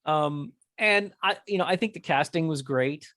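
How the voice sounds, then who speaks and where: A man's voice: fairly high pitch, normal speed, fairly bright tone, no room sound. A man co-hosting a casual chat about movies, rambling with many restarts. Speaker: podcast co-host.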